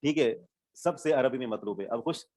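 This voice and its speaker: A man's voice: mid-range voice, fairly quick, a little mellow, no room sound. A male Islamic studies teacher giving an online class lecture, explaining terms step by step, repeating them and checking that students follow.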